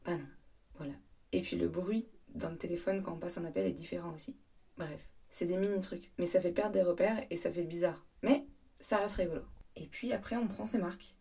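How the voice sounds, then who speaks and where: A woman's voice: on the low side, steady tone, a little fast, gravelly, mellow, slightly rough, distant mic. A woman from France hosting a solo travel podcast, talking in a chatty, wry way with joking asides. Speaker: podcast host.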